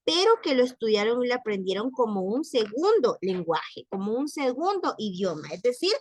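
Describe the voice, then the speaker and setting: A woman's voice: fairly high pitch, very animated, moderate pace, no echo. A woman teaching French to Spanish speakers in a recorded lesson, patiently repeating and explaining words. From Latin America.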